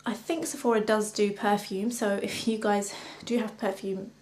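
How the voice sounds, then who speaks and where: A woman's voice: mid-range voice, level tone, moderate pace, a little mellow. A young woman from London with a London accent, a makeup artist chatting casually through viewer questions with many ums. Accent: London English. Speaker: beauty vlogger and makeup artist. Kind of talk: casual Q&A vlog.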